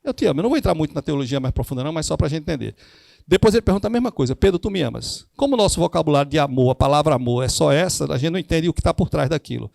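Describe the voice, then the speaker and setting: Male church teacher with a Northeastern Brazilian accent, preachy, slightly high and gravelly, dry close mic. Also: expressive, rapid-fire, darkish tone, no room sound. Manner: preachy, acts out dialogue. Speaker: discipleship teacher.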